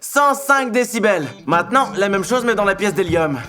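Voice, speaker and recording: A man voicing a high-pitched male stunt-experiment host. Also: expressive, moderate pace. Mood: explanatory. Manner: explanatory, presenting to viewers. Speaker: video host. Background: music.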